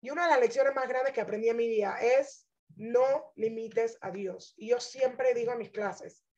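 High-voiced woman giving an earnest testimony. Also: normal speed, a little mellow, muffled recording. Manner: earnest and emphatic, addresses listeners directly. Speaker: religious teacher. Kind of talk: inspirational personal testimony talk.

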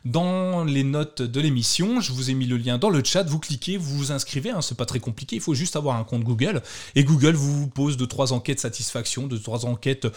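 A man's voice: medium pitch, fairly quick. A man hosting a casual tech podcast, talking with many fillers and restarts. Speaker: podcast host.

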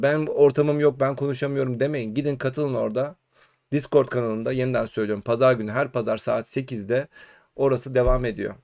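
A man from Turkey hosting a casual live-stream chat, animated and urging his viewers on. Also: mid-range voice. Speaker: host.

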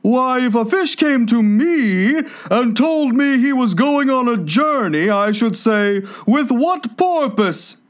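A man doing a high, touchy mock turtle. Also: animated, slow pace, hardly any pauses, full character voice. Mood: plaintive.

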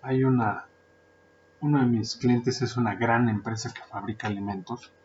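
A man's voice: mid-range voice, steady tone, normal speed, a little mellow, slight background noise. A man with a Mexican Spanish accent hosting a casual podcast monologue, chatty and joking, with lots of filler words. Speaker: podcast host, translator and interpreter. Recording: dull lo-fi sound.

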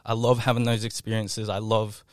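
A man's voice: on the low side, level tone, moderate pace, dry recording. A teenage man, a podcast guest in a small studio room, rambling and swearing and trailing off. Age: late teens. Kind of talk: casual chat.

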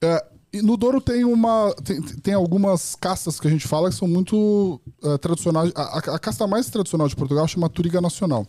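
A man's voice: high voice, a little fast, warm tone, dry recording, clean studio sound. A man from Brazil, a podcast guest, chatting casually in an interview and rambling through many restarts and fillers.

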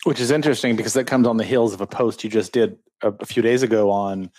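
A man's voice: fairly low pitch, fast, a little mellow, no echo. A man hosting a podcast, asking long, rambling questions and correcting himself midway. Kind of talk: interviewing guests.

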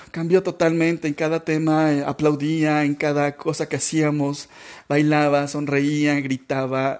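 Halting, emotional podcast host. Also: male voice, on the high side, darkish tone. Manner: halting, emotional, many restarts and repetitions. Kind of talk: personal storytelling podcast.

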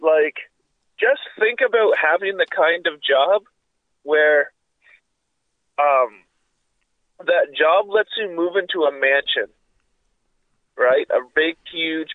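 This podcast co-host is a man whose voice runs on the high side, and he's clearly sick: congested, coughing, with a sore throat. His casual chat is rambling, profane and packed with filler words. It's a dry recording with phone-quality sound.

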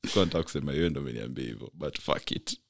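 A man's voice: rumbling low, rapid-fire, creaky. A young man with a Kenyan accent co-hosting a podcast in casual, slangy chat. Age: young adult. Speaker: podcast co-host. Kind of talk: casual banter with street slang.

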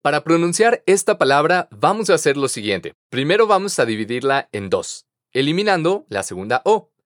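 A man teaching English pronunciation on a podcast, patient and encouraging, modeling words slowly for students to repeat. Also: a little high, sing-song, dry recording, clean studio sound. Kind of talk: podcast language lesson.

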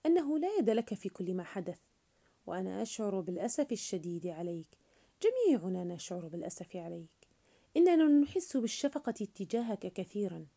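Woman reading as a cruel teenage boy, sneering, taunting, mellow low tone, storybook. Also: creaky.

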